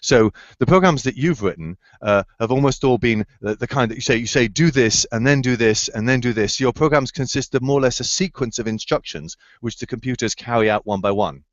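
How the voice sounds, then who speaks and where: A man's voice: mid-range voice, brisk, hardly any pauses, no echo. Man explaining over a video call. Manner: enthusiastic, searching for words with fillers and restarts. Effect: heard over a video call. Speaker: computer science researcher answering student questions. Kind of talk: explanatory answers in a remote Q&A. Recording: slightly dull, dry video-call audio.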